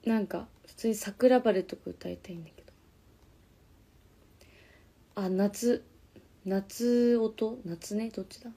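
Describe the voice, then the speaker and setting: Husky-voiced young woman chatting on stream. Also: medium pitch, steady tone, measured pace, pauses often, dark tone. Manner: chatty, reads viewer comments aloud and answers them; keeps her voice down so the neighbours do not complain. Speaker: live streamer. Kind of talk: casual live-stream chat between karaoke songs. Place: her apartment, corner room.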